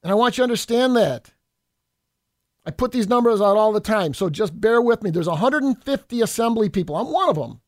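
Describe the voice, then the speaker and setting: A man's voice: high-pitched, lively intonation, fairly quick, no echo, clean studio sound. A middle-aged man from New York State, a state assemblyman hosting a political podcast, delivering a combative, folksy monologue and calling listeners folks.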